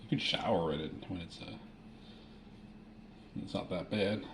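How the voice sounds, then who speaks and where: A man's voice: low voice, a little slow. A man narrating his daily routine at home in a plain, matter-of-fact way, talking through each step as he goes. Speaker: vlogger. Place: at home, kitchen. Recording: loud background noise.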